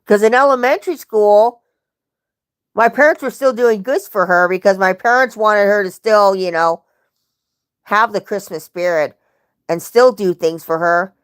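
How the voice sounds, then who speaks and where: A young woman hosts a casual livestream chat, telling rambling family stories and often correcting herself. Her voice is mid-range and clean, a little slow.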